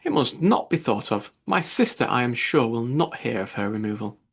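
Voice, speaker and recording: A man voicing an eager, good-natured, impulsive young gentleman in a classic novel audiobook, cheerful and exclamatory. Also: mid-range voice, sing-song, moderate pace, creaky, husky, exaggerated voice. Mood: alarmed, courteous.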